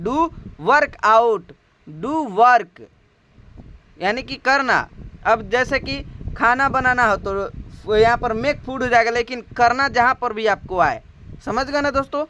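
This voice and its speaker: A man's voice: extremely high pitch, bright, forceful tone, slight background noise. A man with a Hindi accent teaching English to Hindi speakers, spelling out words, repeating them and asking his viewers questions. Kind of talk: spoken language lesson.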